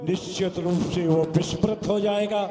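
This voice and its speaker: A man playing the proud demon king Ravana in a village Ramlila, speaking in slow, stately formal lines on an echoey open-air stage. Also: sits high, steady tone, a crowd in the background, close to an everyday voice. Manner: slow, stately Sanskritized speech.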